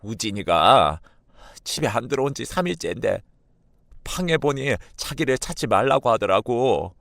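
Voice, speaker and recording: A man voicing a proud, snobbish middle-aged mother with a scolding, shrill edge. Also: expressive, normal speed, creaky, a bit bright, no room sound, studio quality. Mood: distressed. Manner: scolding, shrill when angry.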